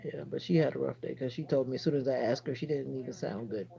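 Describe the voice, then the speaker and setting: A woman's voice: extremely low pitch, fairly even intonation, fast, creaky, mellow. A woman hosting a casual livestream from her phone, chatting straight to viewers and answering their comments with rambling asides. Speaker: livestream host.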